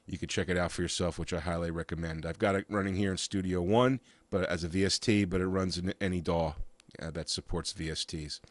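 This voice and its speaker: A man with a cold and a raspy voice, walking through software in a casual, halting way with frequent uhs and restarts. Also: sits low, dry recording. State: has a cold. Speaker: software reviewer. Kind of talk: casual screen-share walkthrough.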